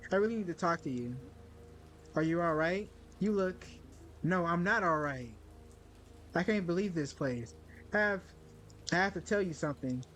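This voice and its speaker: A man reading aloud the lines of an angry, grieving young woman in a story game, fast and plain. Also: a little high, a bit bright, soft background music, lightly acted. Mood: upset. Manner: reads her dialogue aloud fast and plainly.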